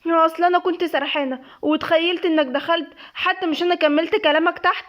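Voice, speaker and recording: A woman's voice: very high-pitched, steady tone, quick pace, dull audio, pitched above the performer's own voice. Woman playing a giggly Egyptian young wife, cheeky. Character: playful teasing young wife.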